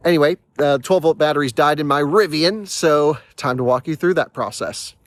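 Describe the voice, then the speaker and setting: A man's voice: on the high side, normal speed, slight background noise. A man hosting a casual explainer vlog, chatty and restarting words, talking through the hiccups. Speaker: channel host.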